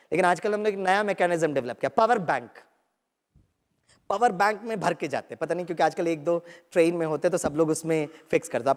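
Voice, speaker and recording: Soft-spoken guy leading a meditation in a big echoey hall, slightly high voice, keeps asking right?. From Kerala, India. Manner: gentle and coaxing, mixing Hindi with English phrases, often asking "right?". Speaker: spiritual teacher leading meditation. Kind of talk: guided meditation talk to an audience. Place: large hall with a live audience.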